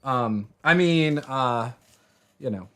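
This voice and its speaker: A man's voice: medium pitch, lively intonation, sharp tone. Male game master for a casual online game stream, mid-range voice, playful and loose. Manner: joking, loose, quick asides. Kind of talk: running a tabletop game stream.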